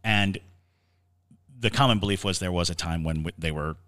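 Here a podcast co-host with a low, slightly bright voice speaks at a moderate pace. On a chatty paranormal show, he explains his thinking in a musing way, frequently repeating words as he collects them.

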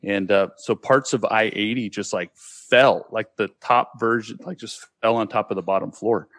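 Telling stories from his childhood, this Californian man in his forties keeps things casual and slangy, calling people "dude" and "bro." His voice is on the low side and fairly bright, and he talks at normal speed. No echo is present.

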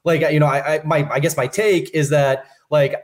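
A man's voice: on the high side, steady tone, moderate pace. A man co-hosting a casual sports podcast, hesitant and full of fillers. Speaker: podcast co-host.

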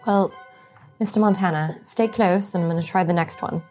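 A woman playing a tabletop game, speaking partly in character, eager and quick to take the lead. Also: on the low side, darkish tone, faint music behind. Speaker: player.

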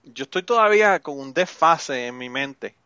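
A man's voice: medium pitch, expressive, moderate pace, pushed and bright, clean tone, dry recording, highs cut off. A man hosting a casual chat, rambling along with many fillers. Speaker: host.

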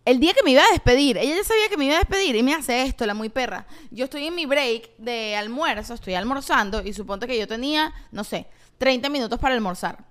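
Fast-talking Venezuelan woman podcaster. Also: high voice. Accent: Venezuelan Spanish. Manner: fast, animated storytelling with slang. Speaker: podcast co-host. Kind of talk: casual chat.

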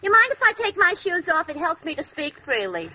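A woman's voice: very high voice, big pitch swings, a little fast, sharp tone, full character voice. An actress playing a brash, wisecracking woman who calls everyone dearie, in a 1940s radio comedy. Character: brassy, tough-talking woman, man-hunting and catty. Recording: muffled old radio broadcast.

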